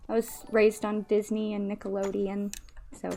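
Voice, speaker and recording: A woman's voice: mid-range voice, monotone, moderate pace, warm tone, a little hiss or hum. A woman live streamer chatting casually and gratefully while playing a game, with a slight lisp from missing front teeth. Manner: grateful, gushing thanks to viewers. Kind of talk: casual livestream gameplay chat.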